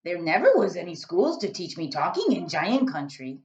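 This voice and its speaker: A woman voicing a huge, very old, kindly male giant who talks loudly with jumbled grammar and made-up words, in a storybook reading. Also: on the low side, big pitch swings, normal speed, highs cut off. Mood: earnest.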